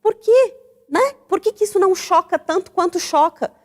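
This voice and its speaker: Woman radio host, high voice, talks it through, asks the listeners stuff, echoey room. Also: normal speed. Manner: reflective, animated, asks the audience questions.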